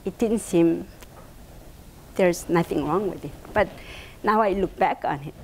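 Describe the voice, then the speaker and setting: The recording is low-quality with slight background noise: a gravelly, low-pitched woman in her fifties from South Korea speaks a little slowly with a Korean accent. As an invited speaker in a bright indoor meeting room, she gives a personal talk to an audience, hesitant, with lots of fillers and animated hand gestures.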